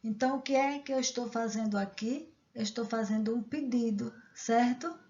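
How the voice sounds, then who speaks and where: A woman's voice: a little high, moderate pace, darkish tone, dull audio. A woman teacher explaining grammar step by step, reading example sentences and checking in with the class. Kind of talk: grammar lesson.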